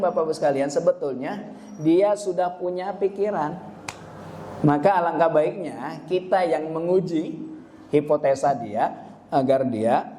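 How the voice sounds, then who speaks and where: A man's voice: a little high, mellow, slight background noise. A middle-aged man, a religious teacher giving a parenting lecture at a study gathering. He keeps turning to the audience and acts out what parents and children say.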